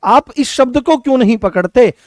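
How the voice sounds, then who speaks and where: Coaxing high-voiced male teacher, dry sound. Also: expressive, moderate pace, darkish tone, no room sound. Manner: repetitive, coaxing, calls students affectionate names. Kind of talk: online exam-prep class.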